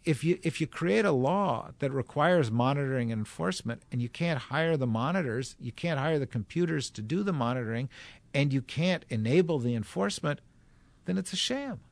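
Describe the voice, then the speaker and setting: A male author being interviewed on a radio talk show, talking forcefully and building to emphatic points. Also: a little high, lively intonation, moderate pace, vocal fry, no echo. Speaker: guest author.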